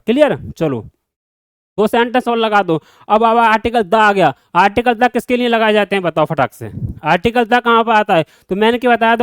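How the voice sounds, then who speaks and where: A man's voice: high-pitched, smooth, dry recording. A man with a Hindi accent teaching a grammar lesson, asking students question after question and repeating each answer. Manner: repetitive drilling questions to students. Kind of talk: classroom lecture.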